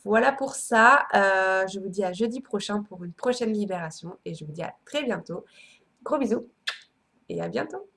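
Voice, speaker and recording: A woman coach leads a tapping exercise in a gravelly, slightly fried voice, pausing often on fillers. Her affirmations return in a steady, even rhythm. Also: medium pitch. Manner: hesitant, many fillers. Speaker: coach and psychologist. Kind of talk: guided EFT tapping session.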